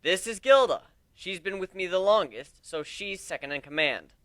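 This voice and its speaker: Brash griffin captain played by a man, high, swooping, commanding delivery for a fantasy story. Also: animated, normal speed, no room sound, clean studio sound. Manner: loud, commanding, speechifying. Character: brash, cocky male griffin captain addressing his crew.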